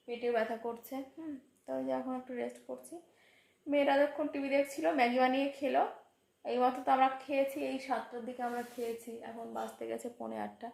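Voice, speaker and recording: A woman's voice: on the high side, vocal fry. A woman vlogging casually from her home, chatting directly to her viewers with frequent tag questions. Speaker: home vlogger and private tutor.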